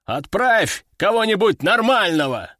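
A man's voice: sits high, big pitch swings, measured pace, bright, forceful tone, dry recording, studio quality, pitched above the performer's own voice, exaggerated voice. A man doing a growling mustached army general. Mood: irritated, gruff. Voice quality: growling, barking orders. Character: gruff mustached old male army general.

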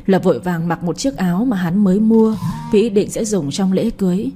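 A woman narrating an audiobook story in a steady, even, scripted reading. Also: mid-range voice, a little fast, faint music behind.

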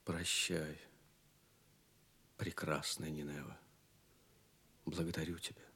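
A man's voice: rumbling low, little pitch movement, slow pace, breathy edge, full character voice. An actor playing a noble, chivalrous young king full of earnest wonder, in a theatrical Soviet audio play style. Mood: solemn farewell. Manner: theatrical, hushed wonder, exclamatory questions.

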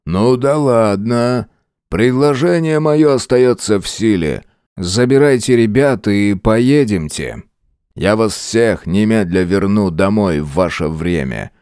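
A man voicing a bitter, hoarse older official who speaks slowly and grimly. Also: lowish voice, darkish tone, dry recording, clean studio sound. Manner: slow, grim and menacing.

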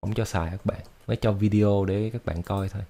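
A man chats to viewers on a livestream. His voice sits a little low. He explains things loosely, full of fillers and restarts. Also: fairly even intonation, fairly quick, dark tone. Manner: chatty and explanatory, with many fillers and repeated words. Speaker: livestream host. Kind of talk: casual livestream chat with viewers.

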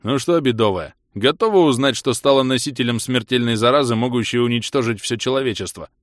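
A man reading an audiobook, voicing a big, brash, rowdy young man who shouts and mocks his friend. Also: medium pitch, fairly quick, dry recording, clean studio sound, close to an everyday voice. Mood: boisterous. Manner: boisterous, shouting, mocking. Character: loud brash hulking young man, rough joker.

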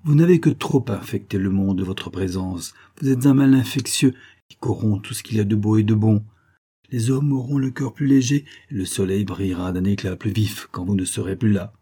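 A man's voice: lowish voice, normal speed, dark tone, husky. A man doing a stern, commanding old scientist. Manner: solemn, commanding, pronouncing. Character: stern elderly male scientist wielding occult power.

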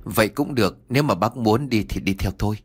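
A man's voice: fairly low pitch, fast talker, slightly rough, faint music behind. A man voicing an older village chief in an audio story, speaking humbly and earnestly. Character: older male village chief, kind, remorseful.

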